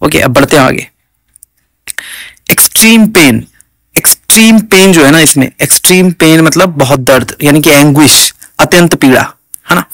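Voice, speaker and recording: A man with an Indian English accent teaches exam vocabulary in a fairly high voice. He glosses each word in Hindi, repeats it, and checks in with "theek hai" as he goes. The sound is close and dry, with no room echo. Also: a little fast, a bit bright. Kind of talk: vocabulary lesson for exam prep.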